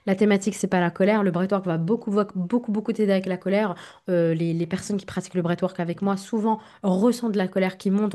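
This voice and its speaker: A woman's voice: medium pitch, a little mellow. A woman hosting a self-help podcast, talking straight to the listener and checking in with "ok?". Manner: direct, speaks straight to the listener with frequent "ok?". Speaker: therapist and podcast host.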